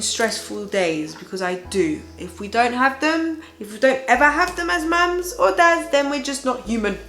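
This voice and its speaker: A woman's voice: on the high side, fairly bright tone. A young woman, an exhausted mother, chatting candidly and emphatically to her viewers about her feelings, checking in with them as she goes. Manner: exhausted, weary parent venting candidly. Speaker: parenting vlogger and host, mother of a baby. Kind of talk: casual confessional chat to viewers.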